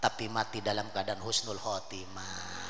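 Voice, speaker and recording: A man preaching a humorous sermon, telling stories with lively jokes. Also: on the low side, normal speed, vocal fry. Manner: animated joking storyteller. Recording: reverberant hall, faint noise.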